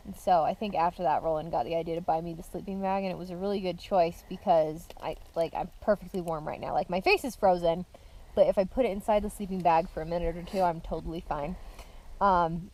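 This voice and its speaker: A woman telling a camping story in a relaxed, casual way, with fillers, outdoors at a winter campsite. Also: lowish voice, a little fast, low-quality recording. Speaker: host's wife.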